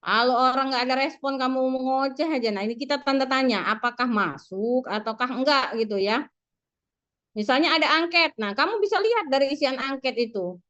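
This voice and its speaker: A woman's voice: high voice, brisk, a bit bright. A woman giving a classroom lecture to students, with rising and falling intonation, speaking to them directly. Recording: dull lo-fi.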